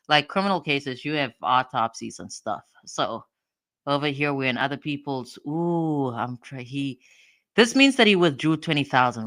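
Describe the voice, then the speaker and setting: A woman's voice: low-pitched, bright, forceful tone, no echo. A woman hosting a livestream, giving casual commentary on court documents as she thinks aloud and repeats her phrases. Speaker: livestream host.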